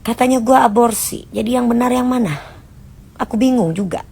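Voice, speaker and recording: Lady ranting live at her viewers, blunt and mocking, kinda high voice. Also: fairly quick, gravelly, dark tone, breathy edge. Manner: blunt and mocking, in Jakarta slang. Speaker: live streamer answering comments. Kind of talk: casual live-stream rant.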